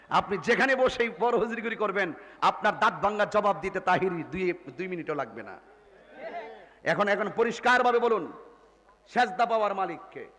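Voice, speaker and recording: A male preacher giving an open-air sermon, fiery and calling out to the crowd for answers, swinging between shouting and quiet talk. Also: sits high, in a large hall. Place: outdoor tent gathering.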